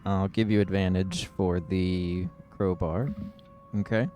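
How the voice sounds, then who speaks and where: A man narrating as game master of a tabletop game, with unhurried descriptions and frequent ums. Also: low voice, steady tone, warm tone, soft background music.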